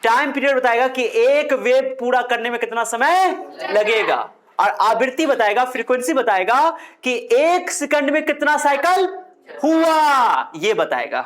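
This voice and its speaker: A man's voice: very high voice, expressive, a little slow, fairly bright tone. Man, physics teacher, classroom lecture, repeats terms, quizzes students constantly. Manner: drills the class with repeated questions; repeats key terms over and over.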